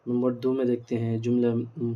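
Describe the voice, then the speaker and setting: A man's voice: medium pitch, monotone, highs cut off. A male teacher giving a grammar lecture, explaining step by step, asking rhetorical questions and mixing in English words.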